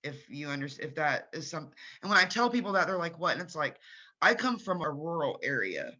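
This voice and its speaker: Fairly quick and sing-song, his fairly high voice comes across bright and forceful on a lo-fi recording. The young adult interviewer, from Gallipolis, Ohio, talks earnestly and casually with plenty of "like" filler.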